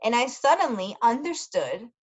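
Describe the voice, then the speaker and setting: This is another slow story reading for English learners by the same woman tutor, who repeats important words and gives short Spanish glosses. Here she sounds very animated at a normal pace, her pitch slightly high, with muffled audio.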